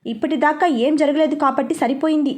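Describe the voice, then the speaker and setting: A woman's voice: sits high, steady tone, fairly quick, a little mellow, natural voice. A woman voicing a young man who speaks earnestly, regretting how he has spoiled his sister. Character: young man, brother, newly remorseful.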